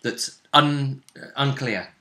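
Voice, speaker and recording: A man serving as game master recaps a tabletop role-playing session, telling it in a casual, animated way. His voice sits in the mid range, and he draws out his words.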